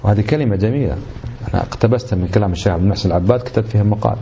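A man's voice: lowish voice, rapid-fire, background noise. A man giving a religious lesson, emphatic and indignant, firing off rhetorical questions. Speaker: religious teacher. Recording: slightly dull lo-fi recording.

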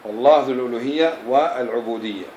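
A man gives a classroom lesson on scripture in an echoey room. His voice sits in the middle register, and faint room noise is heard behind him. He keeps stopping to check understanding with quick questions to the class. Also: medium pitch, darkish tone. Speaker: religious teacher.

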